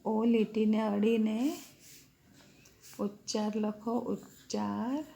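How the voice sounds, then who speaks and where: A woman teacher slowly dictating an English vocabulary lesson to children, spelling words out letter by letter. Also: mid-range voice, fairly even intonation, vocal fry, dark tone.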